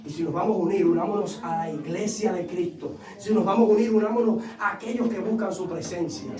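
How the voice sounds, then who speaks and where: A male pastor preaching a passionate sermon, telling personal stories and rising into shouts. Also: high-pitched, a little fast, a crowd in the background. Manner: impassioned preaching that swells into shouts; tells personal stories with acted quotes. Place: church sanctuary. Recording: echoey church sound from a distant mic.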